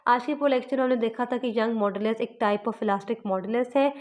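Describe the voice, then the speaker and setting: A woman physics teacher from Pakistan giving a lecture, explaining step by step and slowing down to spell out formulas. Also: on the high side, fairly even intonation. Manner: explains step by step, mixing English terms into Urdu.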